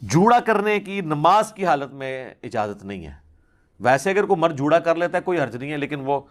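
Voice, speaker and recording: A man with a slightly higher-than-usual voice answers religious questions from a questioner. He explains in an easy, conversational manner, patiently building his points through examples. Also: very animated. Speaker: Islamic scholar answering questions.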